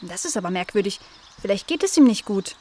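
A woman voicing a touchy young female animal in a children's story who sulks easily, talking quickly. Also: medium pitch, very animated, dark tone. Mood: peevish.

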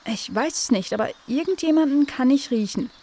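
A woman's voice: high voice, animated, fairly quick, mellow, pitched above the performer's own voice. A woman voicing a sensible, friendly young female dog in a children's story, explaining things patiently.

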